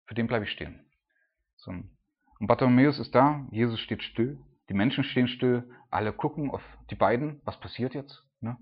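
Casual preacher acting out scenes. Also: male voice, moderate pace, husky. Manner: conversational, frequent "ne?" tags, acts out voices with loud high cries. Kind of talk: informal sermon. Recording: dull lo-fi sound.

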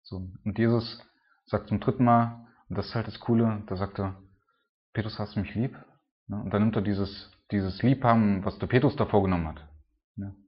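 A preacher and church planter with a fairly low, steady voice delivers casual, conversational preaching at a fairly quick pace. He's informal and chatty, ending nearly every sentence with a questioning "ne?", like "right?". The recording sounds dull and lo-fi.

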